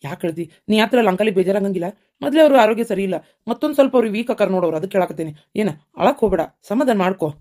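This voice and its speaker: A woman's voice: medium pitch, expressive, dark tone, lightly acted. A woman voicing an earnest, devoted young husband in a cartoon, with a North Karnataka Kannada accent. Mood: reassuring. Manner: fast and earnest.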